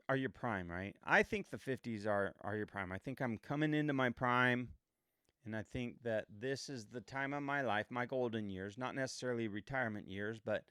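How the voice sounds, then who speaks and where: A man's voice: medium pitch, fairly bright tone, smooth, no echo, studio quality. A man in his fifties hosting a reflective motivational monologue, earnest and emphatic, repeating points and asking rhetorical questions. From United States. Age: 50s. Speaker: podcast host.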